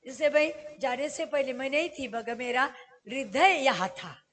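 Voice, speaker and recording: Woman preacher, high voice, emphatic sermon delivery with repeated questions, echoing church hall. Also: expressive, measured pace. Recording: long hall reverb.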